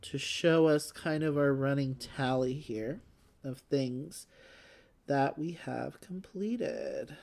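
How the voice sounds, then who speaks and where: A woman's voice: a bass voice, slow, a little mellow. A woman hosting a casual board game play-along, chatty and self-deprecating, thinking aloud as she goes. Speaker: host.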